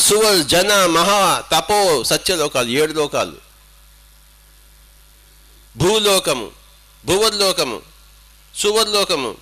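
A man's voice: high-pitched, sharp tone. An older man giving an emphatic spiritual discourse, firing off rhetorical questions and switching into English and Hindi. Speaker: spiritual teacher.

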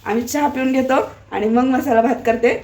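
A hoarse woman, chatting playfully to her viewers in a home cooking vlog from her kitchen. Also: on the high side, steady tone, fairly quick, mellow.

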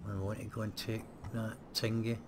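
A man with a fairly low voice and flat delivery, speaking at a normal speed, commentates casually as he plays a strategy game for a let's play. Chatty and muttering to himself, he's recorded on a close desk microphone with background noise present.

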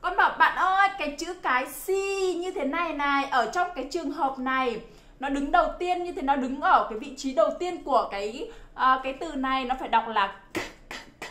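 A woman's voice: sits high, a little fast, pushed and bright. A woman teaching children phonics, exclaiming often and drilling sounds by repetition. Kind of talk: phonics lesson for kids. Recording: roomy echo.

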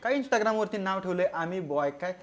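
A man's voice: high-pitched, lively intonation, normal speed. Man roasting with crude mockery. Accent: Marathi. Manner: scolding, crude and teasing. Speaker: roast commentator. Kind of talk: mocking comedy roast commentary.

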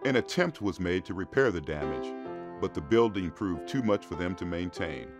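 A man giving measured, scripted documentary narration. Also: sits low, lively intonation. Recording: music bed under voice.

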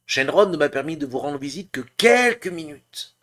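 A man's voice: a little high, expressive, normal speed, a bit bright. A man voicing a grave dead father who speaks to his son, in an anime dubbing demo. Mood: solemn.

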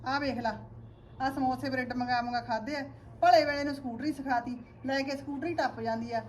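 A woman's voice: sits high, steady tone, brisk, a little hiss or hum, close to an everyday voice. A woman playing a weary village mother-in-law complaining about her son's wife. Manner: complaining, resigned. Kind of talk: village comedy sketch acting.

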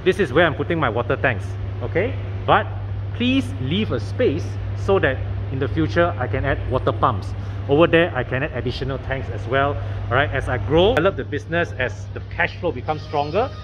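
A man in his thirties with a Malaysian accent, a vlog host who owns a car wash, chats informally to camera and in a casual interview, his fairly high, lively, brisk voice slightly muffled by a mask. He often interjects agreement and repeats words. Recorded on a phone held at arm's length in an open-sided auto workshop and renovation site, the audio is dull, with faint vehicles and workshop noise behind.

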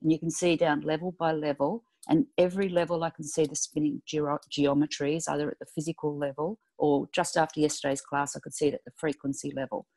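Woman, low-pitched, careful, detailed describer, online class participant. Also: level tone, dark tone. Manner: detailed, deliberate descriptive telling. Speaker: class participant asking a question.

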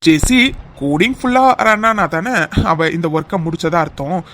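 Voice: medium pitch, expressive, moderate pace, a bit bright, natural voice. A performer voicing a scheming, spiteful young woman rival in a cartoon serial, plotting sabotage. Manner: sly, plotting.

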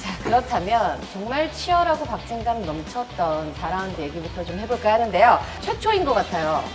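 A woman's voice: mid-range voice, very animated, fairly quick. A woman in her thirties hosting a talk show with racing drivers, upbeat and teasing. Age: 30s. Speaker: host. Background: music.

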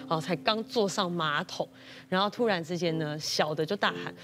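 A woman's voice: normal speed, heavy background noise. A middle-aged woman telling a story as a guest on a talk show, acting out the quotes. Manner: acts out quotes in a high voice, lively. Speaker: panel guest.

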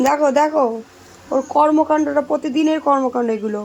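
Mom vlogger, voice all hoarse from yelling, kinda high, bossy scolding. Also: female voice, fast. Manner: scolding, shouting at her child to get up. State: hoarse from daily shouting. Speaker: mother and vlogger. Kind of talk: casual family vlog.

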